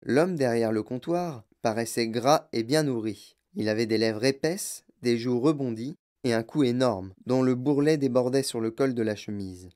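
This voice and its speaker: Man, audiobook narrator, expressive storytelling, medium pitch. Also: moderate pace, hardly any pauses. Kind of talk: scripted narration.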